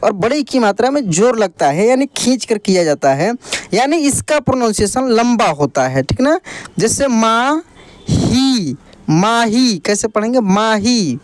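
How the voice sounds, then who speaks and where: A woman teaching a Hindi reading lesson, explaining slowly, asking rhetorical questions and repeating the answers. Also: a little high, sing-song, a little mellow, no room sound. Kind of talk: classroom lesson.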